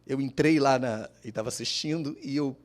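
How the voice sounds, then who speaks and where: At a public forum, a man from Brazil shares an emotional testimony about being a father, speaking fairly quickly at a medium pitch. Along the way he performs the voices of his family members.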